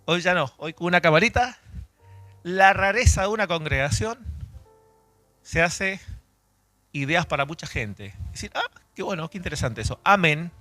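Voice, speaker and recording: Man teaching on doctrine, fairly high voice. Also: lively intonation, moderate pace, long pauses, sharp tone, dry recording, faint music behind. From Chile, raised in Argentina. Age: 40s. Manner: conversational, with restarts and self-corrections. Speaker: church teacher and apologist. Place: church hall.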